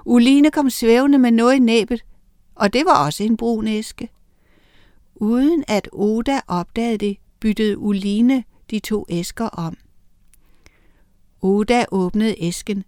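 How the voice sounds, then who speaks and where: A woman reading a children's story aloud in a lively, expressive way. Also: a little high, no echo, clean studio sound.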